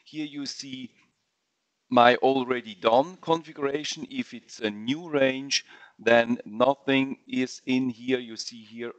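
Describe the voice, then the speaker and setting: A man walking viewers through software in a screen-share webinar, speaking halting English with frequent fillers and restarts. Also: medium pitch, steady tone, muffled recording. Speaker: software trainer.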